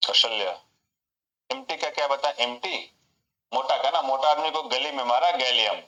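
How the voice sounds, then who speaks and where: A man's voice: mid-range voice, very animated, moderate pace, pushed and bright, echoey room, rough recording. A man teaching an online class, running call-and-response memory tricks and repeating each cue. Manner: repetitive, call-and-response mnemonics. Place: home room.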